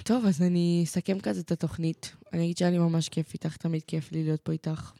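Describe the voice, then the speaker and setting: A woman's voice: fairly low pitch, fairly even intonation, vocal fry, dark tone, dry recording, clean studio sound. A woman co-hosting a talk show, telling personal stories in a chatty, reflective way. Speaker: co-host. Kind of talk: casual chat.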